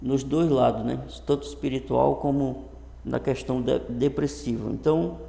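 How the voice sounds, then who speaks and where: This vlogger, an early-50s man from Rondônia with a northern Brazilian accent, introduces his channel casually to a computer webcam in an echoey, improvised, untreated home room. His mid-range voice is steady, gravelly, and dark, and his speech halts, with frequent repeated words.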